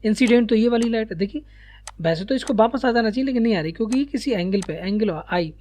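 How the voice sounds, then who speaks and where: A man teaching a lesson, walking students through a diagram step by step and often pausing to check that they are following. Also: sits high, animated, darkish tone. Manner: repeats checks like "ठीक है" and "ध्यान रखिएगा", sprinkles English terms.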